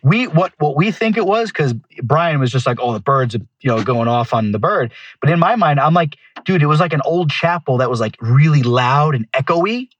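A man's voice: on the high side, expressive, normal speed, hardly any pauses, lo-fi sound. A man chatting casually and telling stories in a slangy way, full of dude and bro. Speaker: guest falconer telling stories. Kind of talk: casual chat, animated storytelling.

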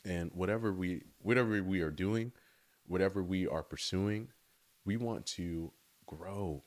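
Man, very low voice, casual devotional talk, enthusiastic, conversational, outdoors. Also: unhurried. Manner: enthusiastic, conversational, often says "right?" and "y'all". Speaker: faith speaker.

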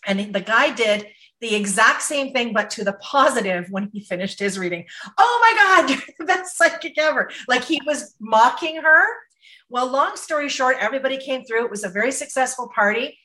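A woman who works as a psychic medium, telling a story to her podcast co-hosts in a lively, casual way, laughing now and then. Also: fairly high pitch, moderate pace, rough recording. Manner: animated, laughs while telling stories.

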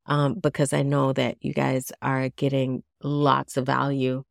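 Podcast host, woman, low and slightly gravelly, unhurried, a bit nasal, dry close mic. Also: monotone, no room sound. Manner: gentle, chatty, self-deprecating. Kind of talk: solo podcast talk.

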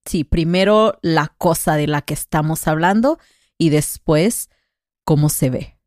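A woman's voice: sits low, measured pace, darkish tone, no echo, studio quality. A woman co-hosting a conversational Spanish lesson podcast, patiently explaining grammar rules with examples.

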